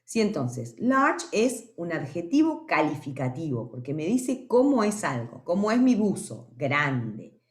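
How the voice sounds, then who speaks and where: Female teacher for a recorded lesson, patient explainer, very expressive up-and-down delivery, roomy echo. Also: sits low. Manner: explains patiently, often asks "¿sí?" to check understanding; says English words slowly and clearly. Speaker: English teacher.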